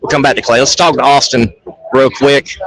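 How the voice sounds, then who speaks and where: A man's voice: medium pitch, fairly even intonation, fairly quick, crowd noise, rough recording. A man hosting live on-site event coverage, chatty and upbeat, often repeating his phrases. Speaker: show host. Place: crowded shop fan fest.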